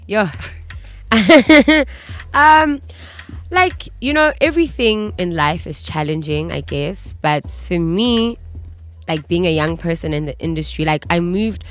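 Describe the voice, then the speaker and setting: A woman's voice: fairly low pitch, takes it slowly, soft background music. A young woman from South Africa, a guest actor, chatting casually in an interview with lots of likes and you knows. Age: young adult.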